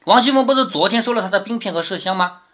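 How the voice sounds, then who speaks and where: A man's voice: high-pitched, very fast, sharp tone. A man reading a classic novel aloud to his daughter and explaining it patiently, often asking rhetorical questions.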